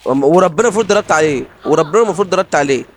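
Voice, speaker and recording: Fast-talking Egyptian gamer guy. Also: on the high side, a little hiss or hum. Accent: Egyptian Arabic. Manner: rapid, excitable, repeats himself, frustrated outbursts. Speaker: gaming channel host. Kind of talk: live gameplay commentary. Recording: music over gameplay.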